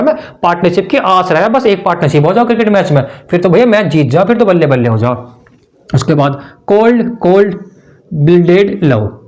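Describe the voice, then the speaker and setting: A high-pitched male tutor, teaching exam memory tricks. He fires off questions and answers them himself, repeating the key words in a chummy, conversational way. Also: darkish tone.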